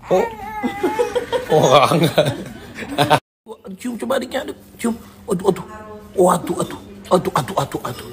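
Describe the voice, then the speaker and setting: Woman with a lowish voice, fond and exclaiming over the kids in a home video. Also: very animated, normal speed, pauses often, crowd noise. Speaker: family member with the children. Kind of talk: casual home video chat.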